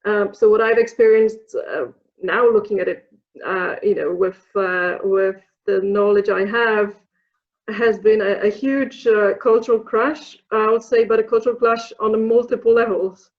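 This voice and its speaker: Muffled audio captures a woman from Poland, in her thirties, who is being interviewed as a program alumna. Her medium-pitched voice stays steady and a little slow, and she answers thoughtfully in a Polish accent with many fillers and restarts.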